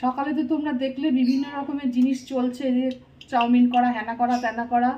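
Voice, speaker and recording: A woman's voice: sits high, fairly even intonation, fast talker, dark tone, highs cut off. A woman from chatting casually in her home kitchen as she cooks for her vlog, stumbling now and then while she tries out a dialect. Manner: chatty, laughing at her own slips while trying a dialect. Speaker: cooking vlogger.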